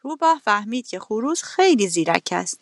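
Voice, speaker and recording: A woman narrating a children's fable in a gentle storybook manner. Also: medium pitch, very animated, dry recording, studio quality. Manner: slow, gentle telling, voicing each animal.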